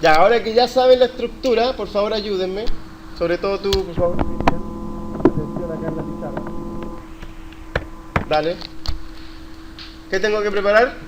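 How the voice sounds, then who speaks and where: A man's voice: sits high, normal speed, long pauses, dull audio. A man teaching a live university coding class, questioning students and praising their answers. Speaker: university lecturer. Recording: noisy classroom recording.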